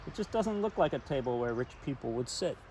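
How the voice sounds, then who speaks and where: A man with an ordinary male pitch reads a storybook quickly and chattily beside a river, slipping easily between the text and his own remarks. He's a little way from the mic, with clear, steady outdoor and traffic noise around him.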